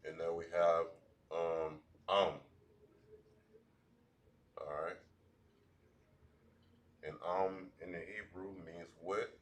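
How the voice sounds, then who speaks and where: A man teaching a language class at a board, talking in halting bursts with many restarts. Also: sits low, fairly even intonation.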